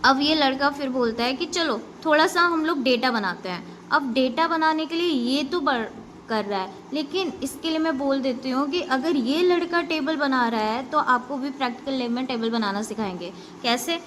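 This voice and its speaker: A woman with a high, somewhat bright voice teaches schoolchildren a basic computer lesson at a normal pace, with slight background noise. She repeats her points, keeps checking that they follow with "ok," and gives the pupils direct instructions.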